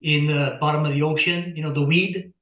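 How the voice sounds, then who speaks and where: Man, higher voice, rambling interview guest telling stories over a dull video call. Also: fairly even intonation, fairly quick, echoey room. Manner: rambling, repeats words, tells anecdotes. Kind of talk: casual explanatory talk.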